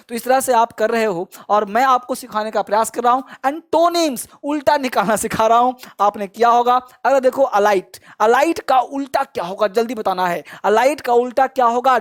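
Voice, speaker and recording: A man teaching an exam-prep vocabulary lesson, quizzing viewers with repeated questions and urging them to answer quickly. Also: very high voice. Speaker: English teacher.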